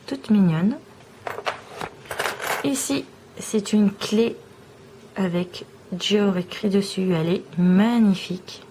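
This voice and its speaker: A woman vlogger showing off small trinkets one by one in a slow, admiring show-and-tell. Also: mid-range voice, noisy background.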